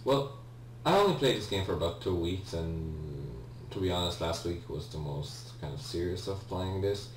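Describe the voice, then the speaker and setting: A video game host with a low, animated voice chats casually at a moderate pace, faint music behind him. He hesitates and rambles, often fixing what he just said, and the recording sounds roomy, with a distant mic and a faint hum.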